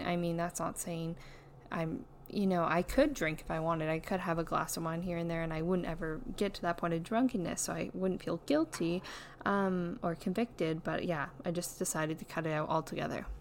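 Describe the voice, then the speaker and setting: A young adult woman talking casually as a solo podcast host, chatty and often dropping in "like" as a filler. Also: on the low side. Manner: chatty, says "like" a lot as a filler. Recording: noisy background.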